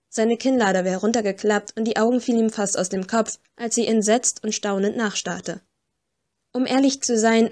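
A woman reads an audiobook in the first person, telling the story with dry wit. Her pitch sits in an ordinary middle range. The delivery is steady and composed. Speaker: audiobook narrator.

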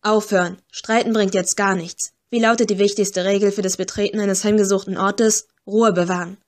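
A woman voicing a calm, commanding young man who leads a ghost-hunting agency in an audiobook. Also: medium pitch, moderate pace, lightly acted.

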